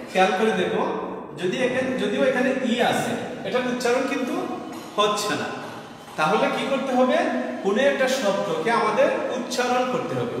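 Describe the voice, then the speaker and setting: A man's voice: high-pitched, a bit bright, heavy reverb, long reverb tail, recorded from a distance, a little hiss or hum, low-quality recording. A man teaching English grammar to students, patiently explaining step by step and repeating key words.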